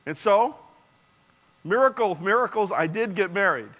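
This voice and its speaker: A man in his forties telling a personal story as a sermon, earnest, speaking straight to the audience and dropping to a soft hush at tender moments. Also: sits high, animated, normal speed. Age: 40s. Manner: engages the audience directly. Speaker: speaker addressing a congregation.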